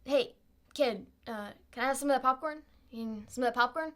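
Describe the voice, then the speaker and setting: A little talking hare acted out by a woman at a game table. The voice is small, pixie-like and on the high side. It chats like a street-wise trickster, always chummy and coaxing. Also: brisk, lightly acted. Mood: wheedling. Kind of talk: tabletop role-play.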